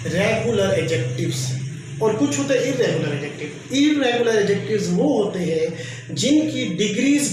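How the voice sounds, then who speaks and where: A man teaching a grammar lesson, explaining slowly and repeating each example. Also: high-pitched. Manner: slow, repetitive explaining. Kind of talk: classroom lecture. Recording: very echoey room, faint noise.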